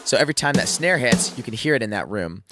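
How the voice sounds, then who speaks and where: Over music, an animated man speaks quickly at medium pitch. He's a music producer teaching drum mixing in a screen-share tutorial, casually, with many fillers and restarts, while sick and losing his voice.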